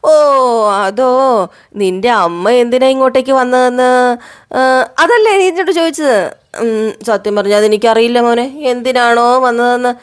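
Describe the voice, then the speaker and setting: Voiced by a woman storyteller, a teasing older woman who strings a young man along and then chases him off. The tone sits high. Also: steady tone, moderate pace, lightly acted. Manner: teasing, shooing.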